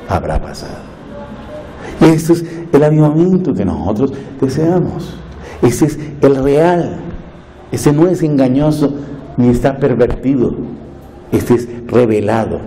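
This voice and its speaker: A man preaching a sermon with impassioned, drawn-out phrasing, dropping to a hush and rising to loud cries. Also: lowish voice, slight background noise, low-quality recording. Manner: impassioned, swinging from hushed to loud.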